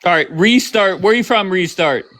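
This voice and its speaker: A man's voice: high-pitched, expressive, moderate pace, a bit bright, no echo. A man hosting a live stream, pushing back on guests with sarcastic challenges. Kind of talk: heated political debate.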